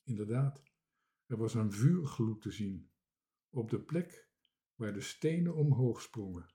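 Male reader for a children's story, slow, warm-toned delivery. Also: mid-range voice. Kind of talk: reading a children's book aloud.

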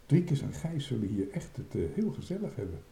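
A man voicing an excitable, plump boy sailor who exclaims eagerly, in a storybook reading. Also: mid-range voice, fairly quick, vocal fry, reverberant, slight background noise. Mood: wry.

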